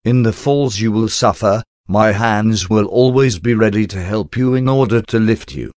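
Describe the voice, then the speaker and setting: Male reader for a devotional prayer, lowish voice, slow reverent delivery, dry recording. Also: a little mellow, dry recording. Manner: slow, reverent, measured recitation.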